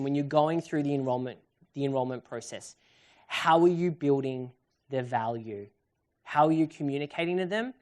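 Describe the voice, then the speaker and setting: An upbeat, chatty woman leads a live business seminar and takes audience questions. Her voice sits fairly low for a woman. She talks in a lively, animated way. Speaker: workshop presenter. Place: event hall with audience.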